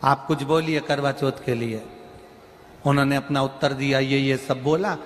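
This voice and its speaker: Animated man preaching in a hall. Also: medium pitch, normal speed. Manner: animated, sing-song preaching with sudden loud rises. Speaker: religious storyteller. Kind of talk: devotional sermon storytelling. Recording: long hall reverb with faint music.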